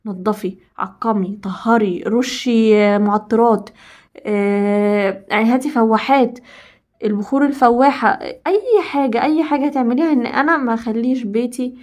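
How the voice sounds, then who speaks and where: A woman's voice: on the high side, a little mellow. A woman with an Egyptian accent giving emphatic, casual home advice to women and repeating points for stress. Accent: Egyptian Arabic.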